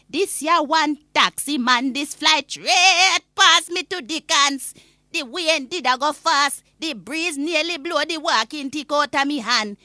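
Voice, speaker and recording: A woman's voice: high voice, bright, forceful tone, no room sound, clean studio sound, exaggerated voice. A woman playing a cantankerous old Jamaican granny, ranting comically in patois with indignant, emphatic scolding. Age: older. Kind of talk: comic rant monologue in patois.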